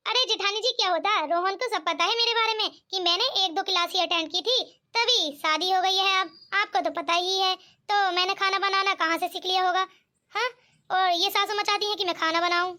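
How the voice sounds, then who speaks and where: A woman's voice: very high-pitched, steady tone, normal speed, pushed and bright. A woman voicing a nervous, polite young newlywed daughter-in-law in a cartoon. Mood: worried. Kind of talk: cartoon voice acting.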